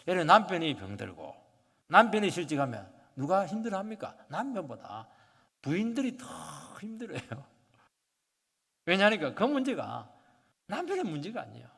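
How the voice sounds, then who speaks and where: Man preaching with wild loud-soft swings. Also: on the high side, gravelly. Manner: dramatic swings from shouting to whispering, acts out congregants' quotes. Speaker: pastor. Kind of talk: sermon. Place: church sanctuary. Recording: long hall reverb.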